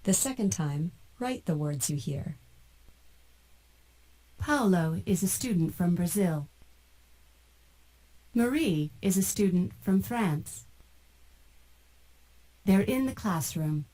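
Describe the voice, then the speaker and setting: Woman, textbook audio narrator, slow even reading, mellow low voice. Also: poor audio. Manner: even, carefully enunciated reading.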